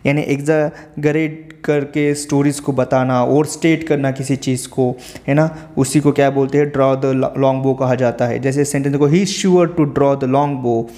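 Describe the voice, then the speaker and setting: A man's voice: mid-range voice, mellow. A man teaching vocabulary and idioms in a casual Hindi lecture, spelling words letter by letter and often asking "है ना". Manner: explains idioms step by step, spells words letter by letter, asks rhetorical questions; frequent filler "है ना".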